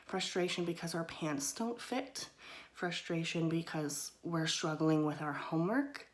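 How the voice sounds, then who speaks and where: A woman's voice: low voice, unhurried. A woman hosting a mindfulness talk in a casual teaching style, chatty and loose, often checking in with her listeners. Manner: conversational, often checks in with "right?" and "okay?"; loose and chatty, with frequent "kind of" and "you know".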